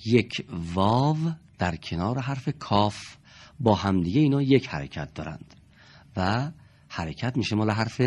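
A man's voice: on the low side, breathy edge. A man teaching a reading lesson in a classroom style, patiently explaining step by step and repeating key terms.

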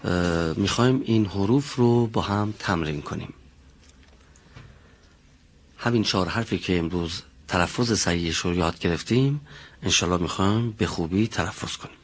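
A man's voice: low-pitched, pauses often. A man teaching pronunciation in a classroom, patiently drilling single sounds and correcting students.

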